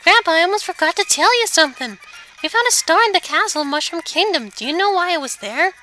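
A woman's voice: extremely high pitch, animated, fast, sharp tone, soft background music, voice pushed up, full character voice. A woman voicing a naive, eager young tadpole boy from a video game, exclaiming in a childlike way. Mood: eager, awed. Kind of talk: video game dialogue read aloud.

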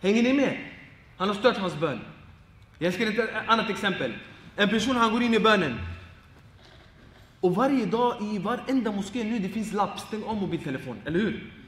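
A male Islamic teacher giving short, informal advice, animated and laughing as he acts out everyday examples. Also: high voice, pauses often, echoey room, long reverb tail.

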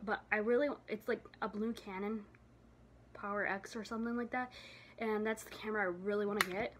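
A woman's voice: medium pitch, fairly even intonation, fairly quick, a bit bright, slight background noise. A tired, breathless young woman vlogging casually into her phone, rambling with lots of fillers and trailing off. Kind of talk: casual vlog chat. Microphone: phone camera.

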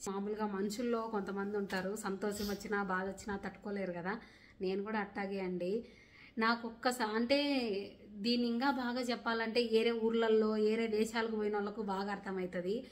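A woman's voice: medium pitch, steady tone, fairly quick. Earnest young woman with a Rayalaseema accent. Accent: Rayalaseema Telugu. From Rayalaseema, India. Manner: earnest, rustic village dialect, defends herself plainly. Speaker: vlogger. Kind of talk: casual Q&A vlog.

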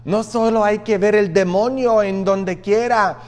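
Male priest, higher voice, unhurried homily delivery with chatty asides; reverberant church sound. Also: fairly even intonation, a little mellow. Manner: conversational preaching with frequent "¿ah?" asides and acted quotes. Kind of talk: sermon.

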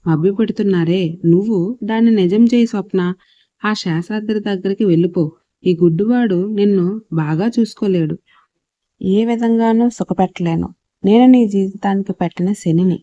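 A man's voice: high-pitched, moderate pace, dark tone, dry recording, close to an everyday voice. A woman narrator voicing a distraught blind young husband, bitter and pleading, on a dull lo-fi recording.

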